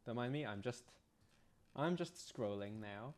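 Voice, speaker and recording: Hoarse guy livestreaming his modding, mumbling to himself, lots of restarts, normal pitch. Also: animated. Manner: halting, restarting, muttering to himself. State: slightly hoarse, losing his voice. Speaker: game modder live streaming. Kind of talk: thinking aloud while scripting on a live stream.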